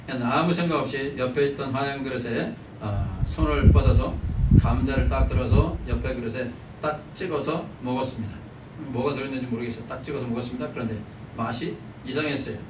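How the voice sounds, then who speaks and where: A man preaching a Sunday sermon as pastor, lively and joking with his congregation. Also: medium pitch, brisk. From South Korea. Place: church sanctuary. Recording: echoey church hall, mic from a distance, noisy.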